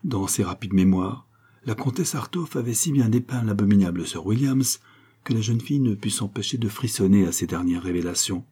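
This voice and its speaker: Husky low-voiced male audiobook narrator. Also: a little fast. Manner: even, literary storytelling. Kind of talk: audiobook narration of a classic novel.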